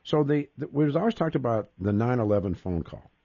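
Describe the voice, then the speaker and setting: A man's voice: medium pitch, animated, a little fast, warm tone, no echo, lo-fi sound. A man hosting a casual discussion, talking emphatically, repeating words and cutting in often. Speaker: podcast host.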